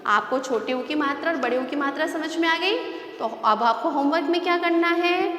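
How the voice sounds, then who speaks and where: High-voiced woman teaching children. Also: moderate pace, fairly bright tone. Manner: patient, repeats and asks the children questions. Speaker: primary school teacher. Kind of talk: online class lesson. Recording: echoey room with long reverb, faint ambience.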